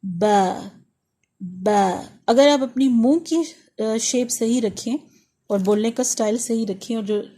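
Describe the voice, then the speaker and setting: A woman teaching an online lesson on reading Quranic letters, who explains patiently and sounds out each letter slowly, over and over. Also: on the high side, dark tone. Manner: patient, demonstrates sounds slowly and repeats them.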